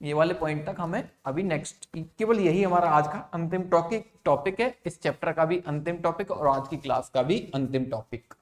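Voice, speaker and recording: A man's voice: on the high side, normal speed, few pauses. A young man teaching a physics class online, mixing Hindi and English and often asking the class questions.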